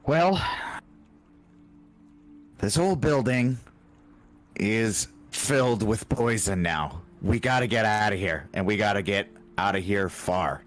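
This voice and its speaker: A man's voice: on the low side, lively intonation, takes it slowly, pauses often, faint music behind. A man voicing a sly male goblin in a tabletop game, with a put-on nasal goblin voice. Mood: urgent.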